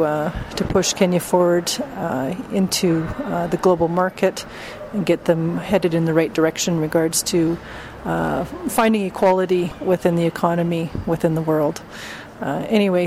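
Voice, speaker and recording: A woman's voice: lowish voice, darkish tone, slight background noise. A woman hosting an interview, introducing and questioning a guest in a casual, rambling way with fillers.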